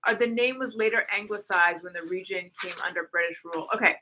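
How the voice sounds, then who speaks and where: Bright-voiced playful woman host. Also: mid-range voice, fast, slight background noise, low-quality recording. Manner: playful, reads trivia aloud. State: coughing, a bit under the weather. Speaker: podcast host. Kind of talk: casual chat.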